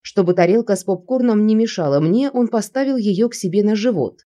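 A woman narrating a first-person novel aloud in an expressive audiobook reading. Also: mid-range voice, fairly quick.

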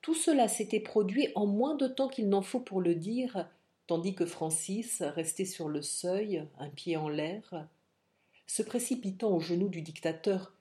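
Brief: woman reading a classic adventure story aloud, measured and expressive. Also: medium pitch. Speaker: narrator. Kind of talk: scripted audiobook narration.

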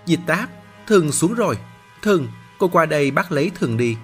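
A male narrator voicing a frantic young man who shouts urgently, with a husky voice. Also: big pitch swings, a little fast, faint music behind, natural voice. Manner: yelling, strained and high.

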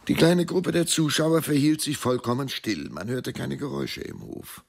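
A man narrating a radio drama in a measured, expressive storytelling manner. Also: mid-range voice, vocal fry.

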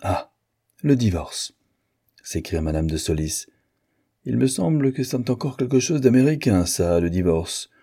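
A man reading an audiobook, voicing an older aristocratic marquise with an ironic, teasing manner and a husky voice. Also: mid-range voice, big pitch swings, normal speed, dark tone, pitched above the performer's own voice. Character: older aristocratic French marquise, witty and worldly.

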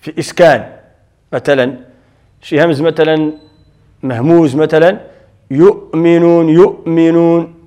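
A man's voice: a little high, moderate pace, long pauses, darkish tone. Moroccan man teaching Quran recitation. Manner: explanatory, repeats key terms and asks himself questions. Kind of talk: classroom lecture on tajweed.

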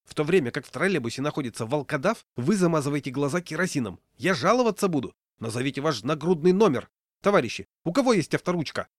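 A man's voice: mid-range voice, very animated, a little fast, hardly any pauses, dry recording, clean studio sound, pitched above the performer's own voice. A man voicing a fussy, nervous male passenger in a humorous story, shrieking indignant complaints.

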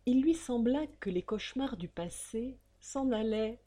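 A woman narrating an audiobook in a measured, expressive way. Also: a little high.

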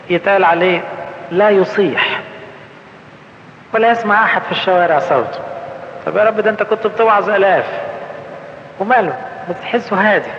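A man with an Egyptian accent preaching a conference sermon in colloquial speech, asking questions and answering them himself, slowing down when he quotes scripture. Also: sits high, a bit bright, a little hiss or hum. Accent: Egyptian Arabic. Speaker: priest. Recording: echoey hall, slightly dull sound.

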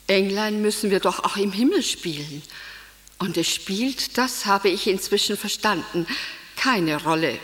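A woman's voice: medium pitch, husky. An actress performing a radio play monologue as a dreamy, wistful older widow who muses and sighs as her thoughts wander. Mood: musing. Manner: wandering, musing, sighing asides.

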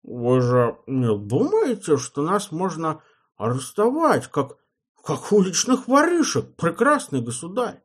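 A man's voice: fairly high pitch, huge pitch swings, slow pace, slightly rough, voice pushed up, exaggerated voice. A man reading an audiobook, voicing a shocked nobleman who indignantly protests his arrest. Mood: shocked indignation. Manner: indignant and incredulous.

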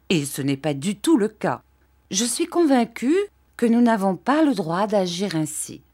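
Woman reading as an earnest young husband. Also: mid-range voice. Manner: gentle, pleading. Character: earnest young husband, patient, gently reproachful. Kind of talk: audiobook reading.

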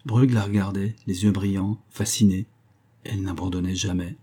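A male narrator reads a novel aloud in a measured, even way. His voice is low and dark, with a husky grain. The pacing stays steady throughout. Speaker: audiobook narrator. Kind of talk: scripted literary narration.

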